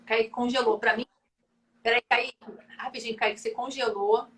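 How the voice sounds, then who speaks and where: A woman hosting a live stream on a video call, breaking in with quick, friendly interjections to her guest. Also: on the high side, fairly even intonation, a bit bright.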